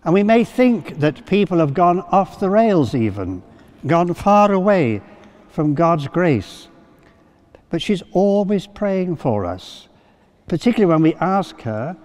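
An older priest gives a sermon in a slightly raised voice, telling his story gently with pauses and little fillers. His words ring out with the long reverb of a big cathedral, picked up by a pulpit mic. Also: high voice, sing-song. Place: large cathedral.

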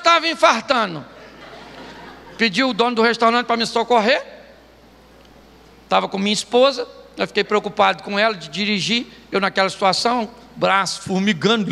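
A man's voice: high voice, creaky, sharp tone, long reverb tail. A man preaching a humorous sermon as pastor, telling jokes and stories and laughing often. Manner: joking storytelling, laughing often. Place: church stage.

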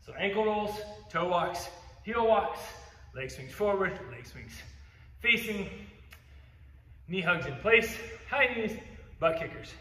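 Man, fitness coach, out of breath, upbeat, high voice, far from the mic, long gym reverb. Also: expressive, takes it slowly, pauses often, bright, forceful tone. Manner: upbeat, cues moves with "boom". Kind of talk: workout instruction demo.

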